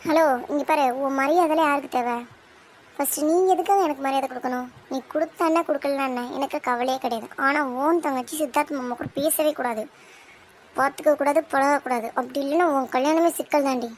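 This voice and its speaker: A woman's voice: high-pitched, brisk, a little hiss or hum, natural voice. [name], a woman voicing a spiteful young niece. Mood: taunting. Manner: taunting, stirring trouble. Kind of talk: cartoon soap drama voice acting.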